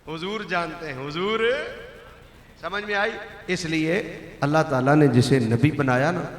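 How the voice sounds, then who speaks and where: A man preaching a sermon to a gathering, swinging from soft talk to loud, dramatic shouting. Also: high voice, slight background noise. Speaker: religious preacher. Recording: echoey hall with long reverb.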